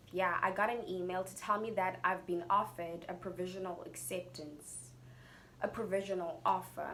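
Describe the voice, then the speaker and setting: A young adult woman with a South African accent tells a personal story in a casual, chatty, expressive vlog style. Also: mid-range voice, slight background noise. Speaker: YouTuber telling a personal story.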